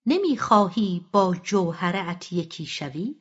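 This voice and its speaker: A woman voicing a calm but firm wandering male dervish in an audiobook, speaking in a steady, unhurried way. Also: fairly low pitch, breathy edge. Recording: slightly dull lo-fi audio.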